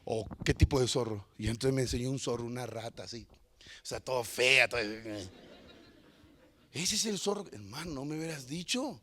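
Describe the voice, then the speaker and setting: A man pastor preaching a sermon, telling a story with humor and swinging between loud and hushed delivery. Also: mid-range voice, a little fast, a little hiss or hum.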